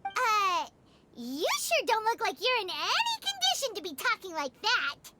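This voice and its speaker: Chatty girl healer, super high squeaky voice, bouncy. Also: sing-song, unhurried, very noisy, exaggerated voice. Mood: teasing. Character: chirpy young girl healer. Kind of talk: game voice acting.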